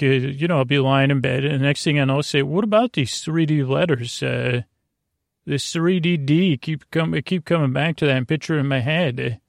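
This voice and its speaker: A podcast host with a gravelly, creaky, mid-range voice speaks very close and dry with no echo, like a bedtime show. He's halting and meandering, mumbling through whimsical tangents meant to lull listeners to sleep.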